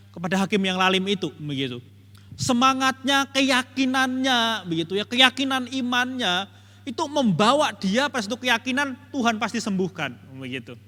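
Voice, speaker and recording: High-voiced man teaching Bible study. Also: bright, forceful tone, big-room sound. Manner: repetitive, emphatic retelling with many "begitu ya" tags; addresses listeners directly as "Bapak Ibu". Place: church hall.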